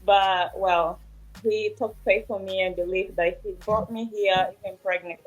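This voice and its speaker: A woman in her twenties, from Portugal and raised in Angola, answering interview questions in a hesitant way with many pauses. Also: medium pitch, poor audio. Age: 20s. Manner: hesitant, many ums and uhs. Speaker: interview guest. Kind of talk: casual interview.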